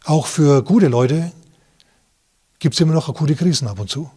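A man's voice: fairly high pitch, animated, normal speed, mellow, breathy edge. A man, a pastor, preaching a sermon. He reads Bible verses aloud, explains them, and turns to his listeners directly with rhetorical questions and asides.

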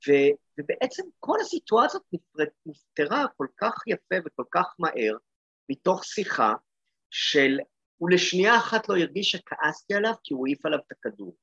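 A man's voice: on the high side, very animated, bright, forceful tone, slightly rough, no echo, dull audio. A man who is an educator and podcast co-host, thoughtfully telling classroom stories, often restarting his sentences. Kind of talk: reflective casual chat.

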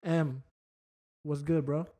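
A man's voice: fairly high pitch, level tone, slow, mellow. A man co-hosting a podcast in casual, slangy frat-bro talk with some swearing. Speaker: podcast co-host.

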